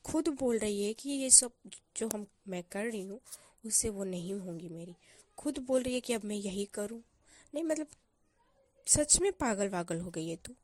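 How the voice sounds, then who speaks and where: Brief: woman storyteller doing a touchy young college girl in love, defensive and argumentative, mellow low-key voice, dry close sound. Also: measured pace, long pauses, no room sound, lightly acted. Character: young female college student, lovestruck and quick to anger. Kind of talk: storyteller voicing a character.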